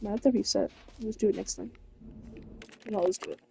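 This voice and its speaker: A woman's voice: medium pitch, steady tone, quick pace, vocal fry, warm tone, a little hiss or hum. A woman giving casual, swearing commentary while streaming a game.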